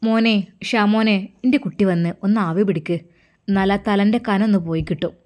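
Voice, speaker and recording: A caring mother coaxes and gently scolds in a warm, mellow voice, as a woman puts her on. She speaks with a Malappuram Malayalam accent and a steady, insistent manner. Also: medium pitch, brisk, close to an everyday voice. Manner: coaxing, fussing, gently scolding.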